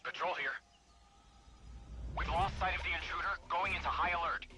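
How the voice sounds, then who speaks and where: An enemy patrol soldier calls his base over a field radio,. His report is clipped and military, and his voice sits high. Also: fairly even intonation, moderate pace. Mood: urgent.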